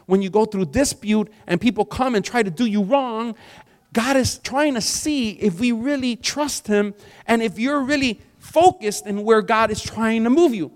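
A man in his forties preaching a sermon in a conversational style, rising to emphatic peaks. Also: high-pitched. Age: 40s. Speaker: pastor. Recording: long hall reverb.

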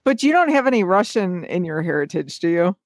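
A woman co-hosting a podcast in casual chat, chatty and quick to giggle. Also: fairly low pitch, sing-song, dry recording, clean studio sound. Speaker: podcast co-host.

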